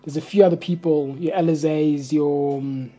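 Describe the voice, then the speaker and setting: A South African man hosts a casual podcast in a soft, dark voice with a husky edge. His talk is slangy and he often circles a phrase before landing it. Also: a little high, fairly even intonation, normal speed. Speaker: podcast host.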